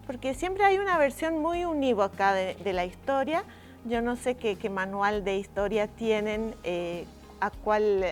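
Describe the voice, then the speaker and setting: A middle-aged woman from Venice, Italy, a native Italian speaker, is interviewed as a writer and talks reflectively. She's expressive, with a fairly high pitch, and often pauses while searching for words.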